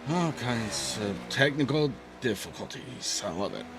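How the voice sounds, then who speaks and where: A man hosting a live racing broadcast, calling the standings and the action in brisk play-by-play over a headset. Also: medium pitch, sing-song, gravelly, noisy background. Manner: brisk play-by-play, running through standings and names. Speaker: lead race commentator.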